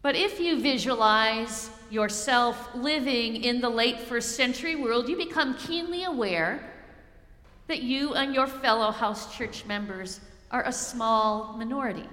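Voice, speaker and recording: A middle-aged woman pastor delivers a sermon in a long, ringing church hall. Her voice is slightly high and bright, and she slows down to lean on the phrases that matter. The echo of the sanctuary hangs after each line. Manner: measured, slows to stress key phrases.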